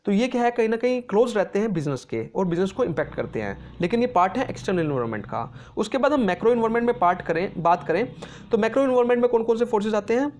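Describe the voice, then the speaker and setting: A man teaching an exam-prep lesson, mixing English terms into his explanations, often checking in with "okay" and reading English definitions out slowly. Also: high-pitched, sing-song, darkish tone, slight background noise. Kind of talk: explanatory lecture.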